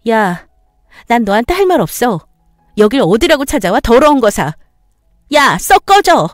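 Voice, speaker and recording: A woman acting out a betrayed wife who shouts back with cutting retorts, in a story-radio reading. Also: mid-range voice, very animated, normal speed, dry recording, clean studio sound, faint music behind, natural voice. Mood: contemptuous. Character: betrayed furious young wife, sharp-tongued.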